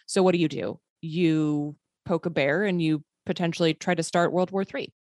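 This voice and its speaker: A woman's voice: low voice, steady tone, moderate pace, darkish tone, no room sound, clean studio sound. A woman partly raised in Sweden, speaking as an interview guest in a passionate, sarcastic way. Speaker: guest, filmmaker. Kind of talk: political interview.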